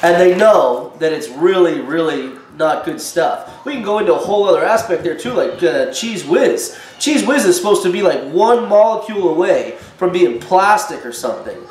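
In his kitchen at home, a thirty-something vlogger with a head cold warns viewers indignantly, his high, expressive voice moving at a moderate pace with hardly any pauses. The camera mic is close by, and the room echoes with faint noise.

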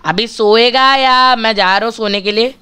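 A man's voice: very high-pitched, normal speed, pushed and bright, a little hiss or hum. A male gaming channel host giving chatty, casual commentary while he plays, talking straight to his viewers and bargaining with them for likes.

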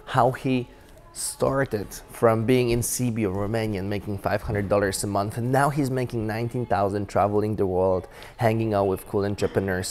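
A man with a lowish voice and as a talks to camera in a casual business vlog. He is eager and enthusiastic, repeating and restarting his phrases as he goes. Faint room noise sits under his voice. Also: a little mellow. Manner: enthusiastic, repetitive restarts, non-native phrasing. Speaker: business vlogger. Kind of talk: casual to-camera advice talk.

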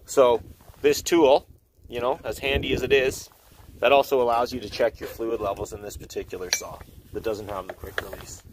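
A man in his forties, a channel host, gives a relaxed, folksy demonstration of chainsaw maintenance in a snowy yard, thinking aloud with fillers. He has a mid-range voice and a moderate pace. The outdoor camera mic picks up clear background and crowd noise as he moves nearer and farther from it.

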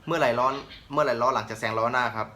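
A young man with a slight northern Thai lilt answers fan questions in a laid-back, joking manner. His voice sounds bright and lively, with a faint hum of outdoor ambience behind him. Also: mid-range voice, racing. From Thailand. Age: young adult. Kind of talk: casual Q&A chat.

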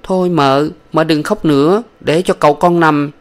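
A young maidservant begs her mistress to stop crying, as a male reader voices her. The voice sits higher than his own, soothing and pleading. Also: normal speed, lightly acted. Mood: consoling.

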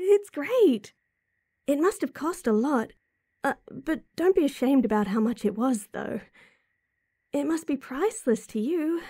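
In an intimate roleplay audio drama, a woman plays a sweet, supportive, teasing girlfriend speaking affectionately to the listener, sounding impressed and excited with breathy chuckles and sighs. Her high, warm, animated voice moves at a measured pace, recorded close-mic and dry in studio quality with no echo.

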